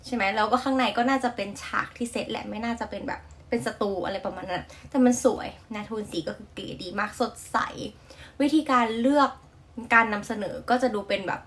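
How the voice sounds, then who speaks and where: A woman's voice: a little high, fairly bright tone. Chatty Thai woman gushing over a music video. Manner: chatty and gushing, many fillers; polite feminine sentence endings. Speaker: reaction video host. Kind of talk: casual reaction commentary.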